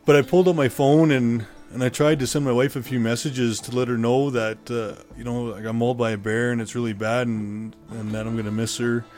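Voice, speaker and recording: Canadian man, halting mid-pitched voice. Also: level tone, a little mellow, faint music behind. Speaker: interview guest. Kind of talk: casual personal storytelling.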